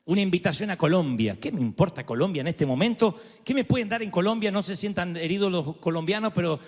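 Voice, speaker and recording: A man's voice: high voice, fast talker. A middle-aged Argentine man preaching a storytelling sermon, theatrical and joking as he acts out the people in his story. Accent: Argentine Spanish. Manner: animated and theatrical, acting out quotes and joking. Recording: long hall reverb.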